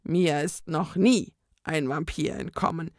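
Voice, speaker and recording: A woman voicing a pompous old male ghost who hunts vampires, booming out threats and chanting slow incantations. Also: no echo, clean studio sound. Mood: menacing.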